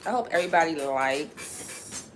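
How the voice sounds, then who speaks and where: A woman's voice: deep voice, expressive, a little slow, slight background noise. A young woman raised in Connecticut, chatting casually on her livestream in a rambling, slangy way and laughing often. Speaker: livestream host.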